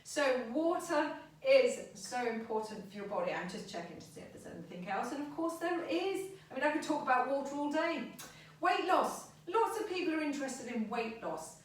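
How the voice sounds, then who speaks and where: Woman therapist, high and emphatic, far from the mic in a booming echoey room. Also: sing-song, moderate pace. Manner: chatty and emphatic, repeats advice. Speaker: back pain therapist. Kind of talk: informal health talk to camera.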